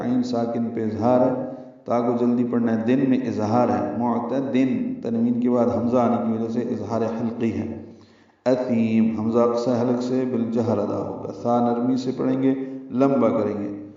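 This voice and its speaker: A man's voice: medium pitch, fairly even intonation, mellow, heavy reverb, far from the mic, highs cut off. A man teaching tajweed in a methodical lesson, explaining pronunciation rules letter by letter and chanting the verses between explanations. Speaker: Quran recitation teacher.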